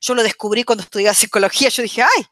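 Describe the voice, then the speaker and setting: A woman's voice: on the high side, steady tone, rapid-fire, no echo, clean studio sound. A woman explaining psychology on a radio talk show. She keeps checking in with her listeners and talks in a chatty way, with many fillers and restarts. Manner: checks in constantly with the audience, warm teaching tone.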